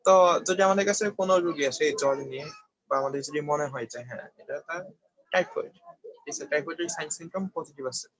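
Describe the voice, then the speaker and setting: A man's voice: on the high side, fast talker, fairly bright tone, no room sound. A young man from Bangladesh giving an online medical review lecture, explaining step by step and often checking that students follow. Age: young adult. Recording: dull, slightly lo-fi dry recording.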